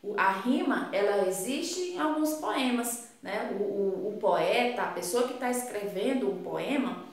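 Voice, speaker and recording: A woman's voice: medium pitch, expressive, measured pace. A woman teacher with a Brazilian Portuguese accent explaining a lesson patiently, checking often that students follow. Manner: patient, repetitive, checks understanding with "tá?" and "né?". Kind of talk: recorded classroom lesson explanation. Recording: very echoey room, voice from a distance.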